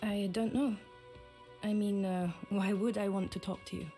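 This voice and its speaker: Brief: actress as an uneasy female patrol officer for a game, mellow, hesitant. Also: mid-range voice, steady tone, moderate pace, faint music behind, close to an everyday voice. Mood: reluctant, uneasy. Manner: hesitant, evasive. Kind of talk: video game voice acting.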